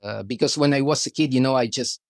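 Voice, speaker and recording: This middle-aged Argentine guest artist, whose first language is Spanish, talks at a quick pace in a medium pitch during a casual interview, his accent Argentine Spanish. He restarts phrases and frequently says "you know," and the recording is dry and clean, from a studio.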